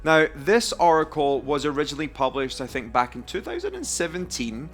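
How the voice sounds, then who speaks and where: A man's voice: fairly high pitch, big pitch swings, a little fast, a bit bright. A Scottish man, probably in his thirties, enthusiastically hosting a casual vlog walkthrough of a card deck. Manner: enthusiastic, upbeat. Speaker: YouTube host presenting oracle decks. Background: faint background music.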